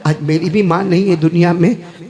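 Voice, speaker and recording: A man's voice: high voice, steady tone, a little mellow. A male preacher telling a story in a sermon, acting out the voices in it and asking the audience to call answers back. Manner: acts out quoted voices in story.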